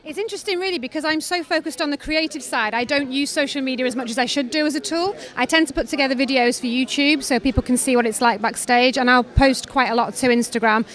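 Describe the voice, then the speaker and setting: Backstage at a fashion show, a Welsh creative director answers interview questions in a brisk, confident and articulate manner. She has a Welsh accent and a high, fairly bright voice.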